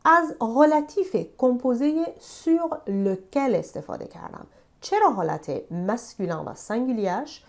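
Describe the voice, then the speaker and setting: Lively woman teaching French grammar. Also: fairly high pitch. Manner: lively explaining, slows down to read French examples. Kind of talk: online grammar lesson.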